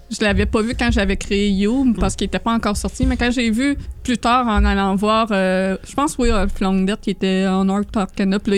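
A woman's voice: mid-range voice, clean tone. A woman with a Quebec French accent chatting casually as a podcast panelist about tabletop role-playing games.

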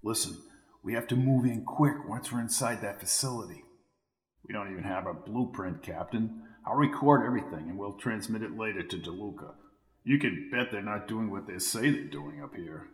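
A man voicing a tough young male soldier who talks in a quiet, clipped, hushed way. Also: lowish voice, lively intonation, moderate pace, echoey room, in a large hall, voice pushed down, lightly acted.

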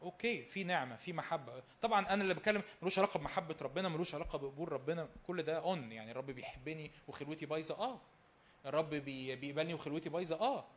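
A male preacher with an Egyptian accent delivers a sermon in a high, bright-toned voice. He talks quickly, hammering phrases again and again. He poses rhetorical questions and swings between raised exhortation and near-hushed asides. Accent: Egyptian Arabic.

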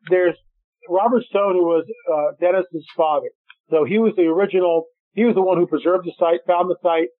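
Animated man on a phone line. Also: on the high side, dry recording. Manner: animated storyteller, acts out quotes. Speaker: guest filmmaker. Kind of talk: radio interview. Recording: dry tinny phone line.

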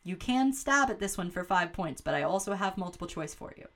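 A woman runs a laid-back watch-along podcast, summing up a film and reading trivia questions aloud with lots of energy and laughter. Her voice sits on the lower side and she moves at a brisk clip.

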